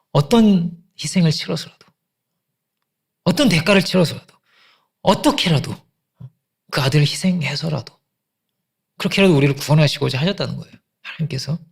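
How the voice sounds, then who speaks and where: A man's voice: on the high side, creaky, slightly rough. A middle-aged male pastor preaching a sermon with emphatic repetition and rhetorical questions.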